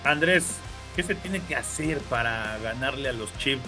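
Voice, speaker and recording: A man's voice: mid-range voice, lively intonation, unhurried, over music. A man hosting a sports talk show, presenting emphatically and addressing his co-hosts directly.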